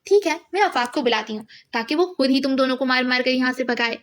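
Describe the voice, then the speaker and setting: A woman's voice: high-pitched, fast, close to an everyday voice. A woman voicing a cold, threatening middle-aged stepmother in a storybook reading.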